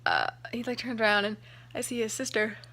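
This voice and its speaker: A young woman vlogger telling a personal story to camera in a chatty, excited way, full of "like" and "um". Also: a little high, brisk. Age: young adult. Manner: chatty, excited, heavy use of "like" and "um".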